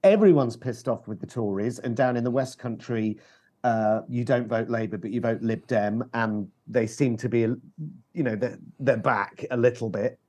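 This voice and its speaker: A man's voice: mid-range voice, normal speed, a little mellow, breathy edge. A British man in casual political chat, swearing freely and throwing out rhetorical questions.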